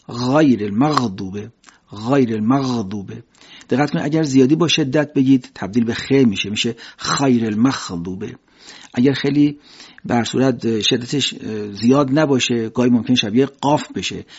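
Husky-voiced man teaching pronunciation. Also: medium pitch, a little mellow. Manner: explains step by step, then slowly demonstrates each sound. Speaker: Quran recitation teacher. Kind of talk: pronunciation lesson. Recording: dull lo-fi recording.

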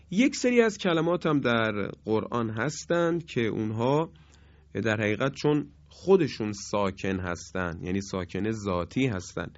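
A man teaching a Quran recitation lesson, drawing out each example word slowly in chant between plain explanations. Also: fairly low pitch, dry recording, dull audio. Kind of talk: recorded tajweed lesson.

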